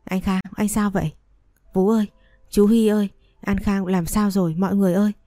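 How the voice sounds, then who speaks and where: A woman's voice: mid-range voice, flat delivery, a little fast, warm tone, no echo, clean studio sound, close to an everyday voice. Woman reading an upset young wife. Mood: panicked. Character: hurt, angry young pregnant wife.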